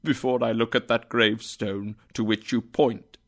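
A man voicing an old male miser who cries out in an excitable, exclamatory way. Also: medium pitch, normal speed, close to an everyday voice. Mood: pleading.

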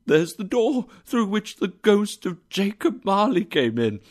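A man voicing an old male miser who cries out in an excitable, exclamatory way. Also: on the high side, unhurried, vocal fry, full character voice. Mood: giddy.

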